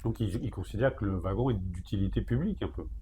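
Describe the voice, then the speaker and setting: A man's voice: on the low side, quick pace, warm tone, a little hiss or hum. A man interviewing a guest conversationally, feeling his way into questions and restarting them mid-sentence.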